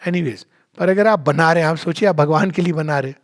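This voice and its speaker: A man's voice: a little high, fairly quick. A middle-aged man giving a spiritual talk, answering questions and telling stories in an earnest, explanatory way while switching between Hindi and English.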